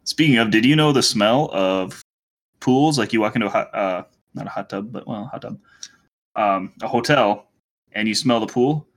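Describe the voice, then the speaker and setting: A man's voice: fairly low pitch, moderate pace. Rambling man in casual podcast chat. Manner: rambling, hesitant with many fillers. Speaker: podcast co-host.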